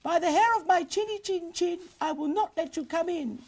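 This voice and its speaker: A man voicing a small, clever little pig in a high, squeaky voice while reading a storybook aloud. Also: normal speed, creaky. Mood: defiant.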